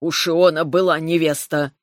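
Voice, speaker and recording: A woman's voice: deep voice, fairly even intonation, normal speed, no echo, studio quality, close to an everyday voice. Woman doing a stern male dragon. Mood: angry.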